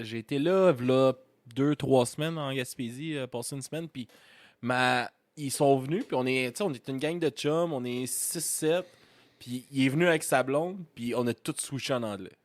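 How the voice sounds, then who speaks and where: A man with a Québécois accent hosting a casual podcast chat, animated and quick to swear and laugh. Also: mid-range voice, dry recording. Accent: Québécois French. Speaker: podcast host.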